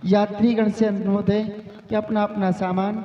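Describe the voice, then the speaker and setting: An actor playing a formal male railway station announcer, heard as a loudspeaker announcement over a phone. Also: high-pitched, flat delivery, crowd noise. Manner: formal, measured public announcement. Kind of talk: folk theatre comedy scene. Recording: dull echoey loudspeaker in a hall.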